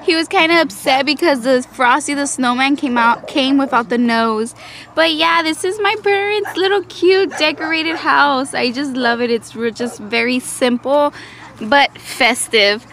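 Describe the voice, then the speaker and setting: A woman's voice: high-pitched, unhurried, fairly bright tone. A young adult woman chatting casually to camera as a family vlogger, recorded on a phone held at arm's length. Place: home living room, later inside a car at night.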